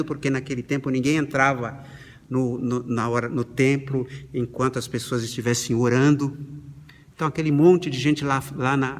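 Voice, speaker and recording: A man's voice: medium pitch, long reverb tail. A middle-aged man from Brazil giving a conversational sermon at an online prayer meeting. He often poses questions to the listeners and sometimes stumbles on words. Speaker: pastor.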